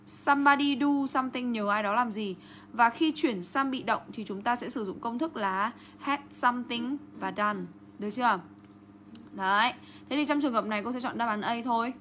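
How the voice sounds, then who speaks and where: Young teacher lady with going thru test answers, keeps asking "got it?", slight background hiss. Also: on the high side. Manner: lively, checks in constantly with rhetorical questions. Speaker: English teacher. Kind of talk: exam answer walkthrough lesson.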